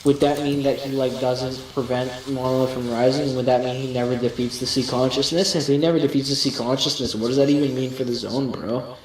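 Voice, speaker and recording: A man's voice: medium pitch, steady tone, fairly quick. A young man, drunk and rambling on a livestream, repeating himself and trailing off. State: intoxicated. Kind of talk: casual drunk chat on a livestream. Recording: echoey room, distant mic, crowd noise.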